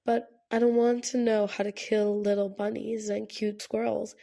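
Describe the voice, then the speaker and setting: A woman reading as a gentle squeamish girl. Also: mid-range voice, little pitch movement, moderate pace, gravelly, close to an everyday voice. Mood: worried.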